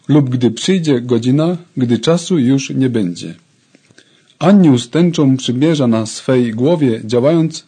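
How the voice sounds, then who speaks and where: A man's voice: mid-range voice, mellow, husky. A man preaching a sermon, fervently addressing his congregation.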